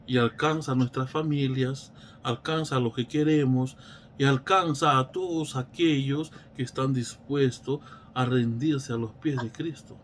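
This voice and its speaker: A man's voice: medium pitch, steady tone, unhurried, slight background noise. A man teaching a Bible study in a preacherly way, asking rhetorical questions and often restarting his phrases.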